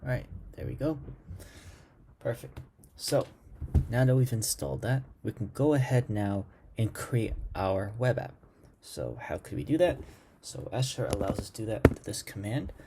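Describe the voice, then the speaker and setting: A man's voice: fairly low pitch, big pitch swings, moderate pace, warm tone, slight background noise. A man teaching a coding lesson over his screen, thinking aloud and muttering commands as he types. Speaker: programming instructor. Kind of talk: screen-recorded coding tutorial.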